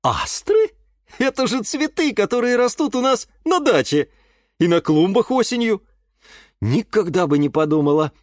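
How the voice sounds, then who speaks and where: A man's voice: sits high, wildly swooping pitch, measured pace, no echo, studio quality, voice pushed up, heavily acted. A man reading a children's audiobook voices a chatty mother who exclaims in naive amazement. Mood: amazed chatty. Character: chatty surprised mother, a woman.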